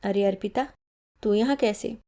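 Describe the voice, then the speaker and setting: A woman's voice: medium pitch, normal speed, warm tone, close to an everyday voice. Woman voicing a guilt-haunted young killer. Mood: anguished, haunted. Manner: tense, anguished muttering.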